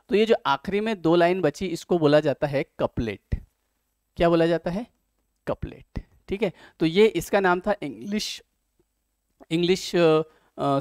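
In clean studio sound with no echo, a man with a fairly high-pitched voice teaches an exam-prep lecture. He takes things step by step, answers his own questions and slowly reads English passages aloud.

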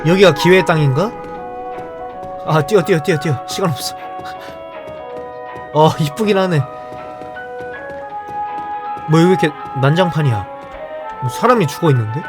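A man doing excitable live gameplay commentary, often repeating his phrases over and over. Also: a little high, normal speed, long pauses, music in the background. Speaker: gaming streamer.

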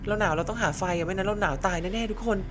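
A woman's voice: mid-range voice, rapid-fire, noisy background. A woman streaming a horror game in casual commentary, reading the game dialogue aloud in translation.

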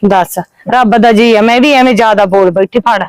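An actress playing a loving village mother who coaxes and soothes her son with gentle repetition. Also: a little high, moderate pace, clear, resonant tone, no echo, close to an everyday voice. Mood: coaxing. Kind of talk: village short-film acting.

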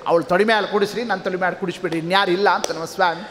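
A man, giving an animated storytelling sermon and putting questions to the audience. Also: high-pitched, racing. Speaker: religious discourse speaker. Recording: long hall reverb.

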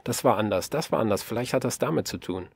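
A man's voice: on the low side, expressive, quick pace, gravelly, breathy edge, no room sound, full character voice. A man reading the lines of an anxious, insistent teenage schoolgirl from a wealthy home in an audiobook. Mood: urgent. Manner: pleading, insistent questions.

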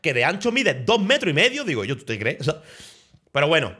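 A young man with a Spain Spanish accent tells a story on his stream in a lively, swear-heavy way. He talks very quickly, and his voice has a bright, forward edge. The mood is loose, casual chat. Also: on the high side. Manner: animated, swearing, laughing storyteller.

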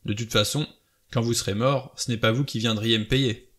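A man's voice: medium pitch, fairly even intonation, normal speed, a bit bright, close to an everyday voice. A man voicing a cool, self-assured adventurer who teases his companion in an audiobook. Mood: mocking.

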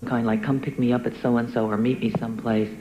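A woman's voice: extremely low pitch, level tone, fast talker. A middle-aged woman bantering casually as a contestant on a game show. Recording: noisy old TV, studio crowd behind.

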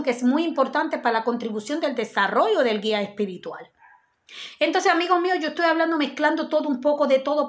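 A woman gives a spiritual self-help talk. She speaks earnestly and straight to her viewers, and she circles back to the same points again and again. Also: high-pitched. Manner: earnest, repetitive, addresses viewers directly. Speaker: spiritual guide.

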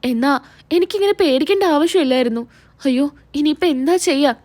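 A woman's voice: sits high, expressive, a little fast, a little mellow. Frightened timid young woman, voiced by a woman. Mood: fearful. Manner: pleading, fearful.

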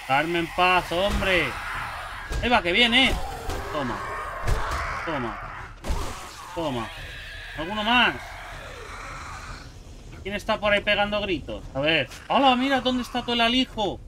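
A young man giving jokey, excitable commentary while playing a survival game, yelping at sudden scares. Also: sits high, a little slow, pauses often, background noise. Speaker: gaming YouTuber. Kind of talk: gameplay commentary.

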